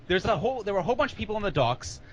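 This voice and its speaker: A man running a tabletop game as game master, halting and restarting as he explains what happens. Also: sits high, sing-song, muffled recording, crowd noise.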